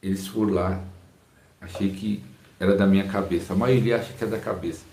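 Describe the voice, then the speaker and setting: A man with a Brazilian Portuguese accent, a pastor teaching his audience in a slow, calm, soft-spoken way, recorded on a phone's built-in mic. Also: deep voice, roomy sound. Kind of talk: informal teaching talk to a live audience.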